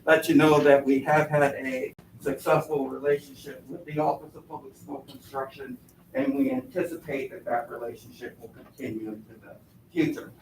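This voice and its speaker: Man talking through a face mask, echoey room. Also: on the high side. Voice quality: slightly muffled, speaking through a face mask. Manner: measured, formal, wordy explaining. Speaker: consultant presenting to a school board. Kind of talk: formal public presentation. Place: indoor board meeting room. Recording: echoey meeting room, distant mic, faint noise.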